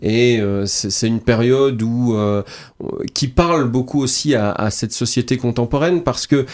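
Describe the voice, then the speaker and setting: A man's voice: medium pitch, a little slow, a little mellow. A man, the guest poet and author, talking at length on a radio show, with many restarts and repeated words, then lyrical turns of phrase. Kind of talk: radio interview talk. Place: radio studio.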